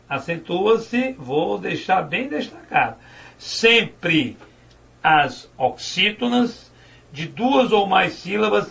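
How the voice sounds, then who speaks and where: A man's voice: high voice, gravelly, pushed and bright, far from the mic. A male teacher giving a grammar lesson at a whiteboard, explaining step by step and asking and answering his own questions.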